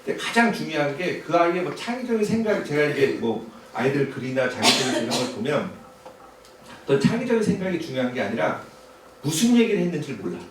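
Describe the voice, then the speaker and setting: A man's voice: a little high, animated, quick pace. Man lecturing in a very echoey hall. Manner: conversational, rhetorical questions. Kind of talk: public lecture to parents. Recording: very echoey hall, distant mic, faint noise.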